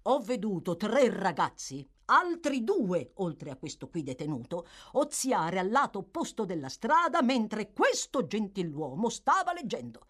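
A woman reading aloud, voicing an agitated male bookseller who shouts insistently, out of breath, in an audiobook. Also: medium pitch, very animated, a little slow, few pauses, voice pushed up.

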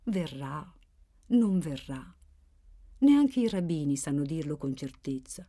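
A woman's voice: sits high, very animated, unhurried, a little mellow, pitched above the performer's own voice, full character voice. A woman voicing a stern older father who reassures firmly with a touch of impatience.

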